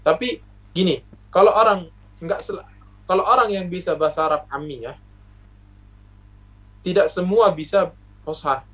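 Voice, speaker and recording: The man's high-pitched voice moves at a measured pace, pausing often. He's a Lombok-born university alumnus and guest, chatting casually while explaining things in a patient, lecturing way full of hesitations and examples, on a muffled lo-fi recording.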